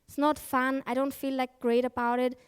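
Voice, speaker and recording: A woman's voice: sits high, level tone, normal speed, clean tone. A woman giving a conference talk, candid and emphatic, swearing freely and often correcting herself mid-sentence. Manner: frequent self-corrections and fillers. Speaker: conference speaker. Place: conference stage.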